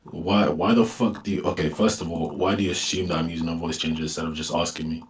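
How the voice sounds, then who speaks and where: A man's voice sits very low, pitch-shifted down so it sounds unnaturally deep. He talks in a dismissive, combative way and swears freely. The audio is roomy and echoey, like a voice chat recording. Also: level tone, fast. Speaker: voice chat participant. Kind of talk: heated casual chat.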